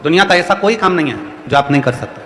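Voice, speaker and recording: A man's voice: on the high side, lively intonation, fast, heavy background noise. A man with a central Indian Hindi accent giving a devotional sermon, repeating phrases in a rhythmic, exhorting way. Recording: echoey hall with faint music.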